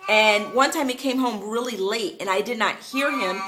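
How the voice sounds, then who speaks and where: A woman's voice: medium pitch, moderate pace, fairly bright tone. A woman chatting to camera about her early days living abroad, storytelling casually with lots of fillers and the odd laugh. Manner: chatty, many fillers, laughs while telling. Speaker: vlogger.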